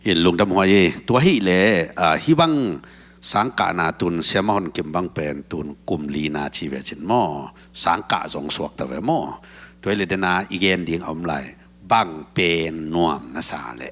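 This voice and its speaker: A man with a very deep voice chats on a talk show. He talks in a relaxed, easy way and often murmurs agreement while others talk. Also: normal speed. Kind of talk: casual talk-show conversation.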